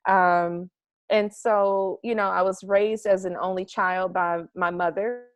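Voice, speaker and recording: A young American marketing strategist, guesting on a casual call-based interview from her home garage, speaks slowly in a steady, mid-range voice. She goes on eagerly and at length, filling gaps with fillers.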